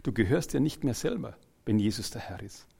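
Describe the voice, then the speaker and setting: A man preaching an evangelical sermon, who swings between loud exclamations and quiet, earnest asides and jokes with the congregation as he retells scripture in everyday terms. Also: medium pitch, expressive, brisk, creaky, husky.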